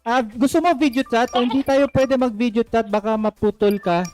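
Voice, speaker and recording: A man's voice: very high voice, moderate pace, darkish tone, faint music behind. A man hosting and judging an online singing contest live, giving friendly coaching feedback, often checking "okay?" and mixing in English phrases. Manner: mixes English phrases into his talk. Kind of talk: live-streamed contest hosting with phone calls.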